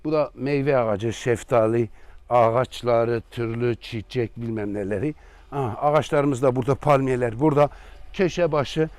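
A man's voice: mid-range voice, normal speed, a little mellow. Rambling man with Aegean accent, echoey rooms. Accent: Aegean Turkish. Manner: rambling, joking asides to viewers. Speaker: real estate agent. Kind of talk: casual property tour vlog. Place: walking through a house and garden.

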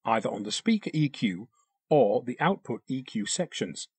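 In a close, very dry recording without echo, a slightly husky man narrates a scripted software tutorial at normal speed. His pitch is lively and varied, and he walks through every step with precision.

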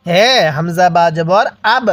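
A man with a Bangladeshi Bengali accent teaching Quran reading, slowly spelling out letters and vowel marks one at a time and having the listener repeat after him. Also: high-pitched, a bit bright, no room sound. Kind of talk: slow spelled-out recitation lesson.

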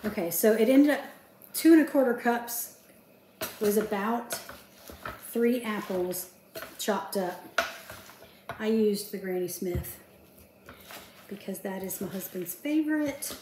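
She's a fifties home cooking vlogger working through a recipe, chatty and self-mocking, often talking to herself. Her expressive, mellow mid-range voice unfolds slowly with long pauses, echoing in a roomy kitchen from a camera set across the counter. Faint clinks of dishes and utensils give slight background noise.

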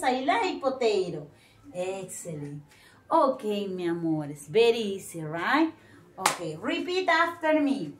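A young woman teaching children English words bilingually, slowly modeling each word for them to repeat. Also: sits high. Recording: echoey room, voice from far off, faint noise.

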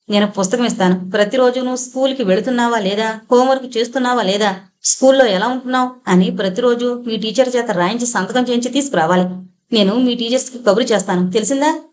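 A woman's voice: fairly high pitch, lightly acted. A woman reading a storybook voices a stern, angry father who scolds and threatens his young son in a harsh, commanding way.

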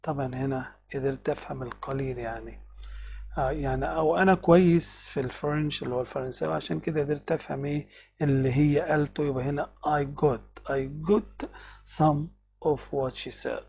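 Egyptian man teaching vocabulary, slightly high. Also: steady tone, vocal fry, a little mellow, slight background noise. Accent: Egyptian Arabic. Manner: reads English words slowly, glosses them quickly. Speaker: English teacher. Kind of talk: vocabulary lesson, explaining in Arabic.

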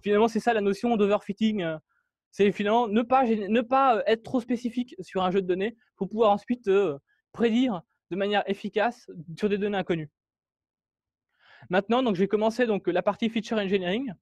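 Speaking fairly quickly in a high voice with a darkish tone, a man leads a technical meetup session on code, restarting often and using many fillers. The recording is dry.

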